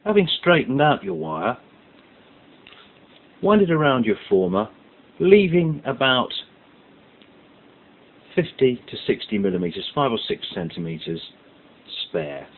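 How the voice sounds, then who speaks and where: Slow-paced and sing-song, with long pauses, this man's medium-pitched voice guides a hands-on science tutorial. He takes each step methodically, emphasizing the key words. Background hiss runs under the muffled, lo-fi recording.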